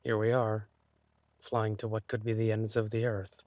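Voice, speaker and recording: A man playing an insecure, lovesick thief boyfriend in a romantic audio role-play, speaking haltingly and tenderly. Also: on the low side, monotone, darkish tone, dry recording, lightly acted. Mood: wistful, gentle. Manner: hesitant, halting, sighing delivery.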